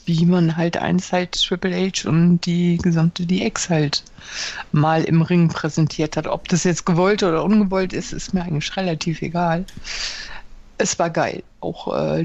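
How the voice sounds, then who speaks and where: Slow woman rambling casually on a podcast, lots of ums, dry muffled lo-fi sound. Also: deep voice, darkish tone, no echo. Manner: hesitant, many fillers and restarts. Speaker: podcast co-host. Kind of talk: casual wrestling chat.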